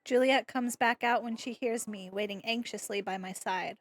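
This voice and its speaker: A woman streamer reading a visual novel aloud live, switching between expressive narration and playful jokes. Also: fairly high pitch, normal speed, no room sound, clean studio sound. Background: game music.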